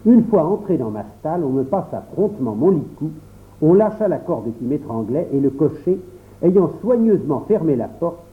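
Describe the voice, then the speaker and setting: A man reading a classic storybook aloud in the first person, with expressive storytelling. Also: a little high, normal speed. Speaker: audiobook reader. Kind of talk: storybook narration. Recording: tinny phone-like audio.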